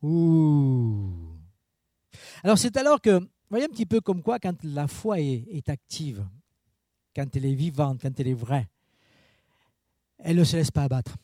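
A man preaching a sermon in a chatty way, full of fillers and asides to the congregation, with big swings in pitch and loudness. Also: lively intonation, unhurried, pauses often, dry recording, clean studio sound.

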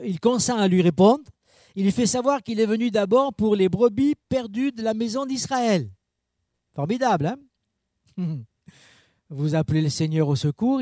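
A man preaches in a loose, conversational sermon style, peppering his points with asides to his listeners. His voice sits high but sounds mellow and dark, and the recording is dry with no room sound. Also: no room sound. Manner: chatty, with fillers and asides to the congregation; animated, swinging pitch and loudness.

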